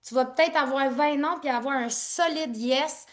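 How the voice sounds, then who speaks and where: A woman with a lively Quebec French accent leads an online training session, talking fast and loosely and jumping between thoughts. Her voice sits a little high, and she laughs often. The sound comes through a laptop on a video call. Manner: excitable, rambling, laughs often. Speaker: network marketing team leader. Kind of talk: live online training talk.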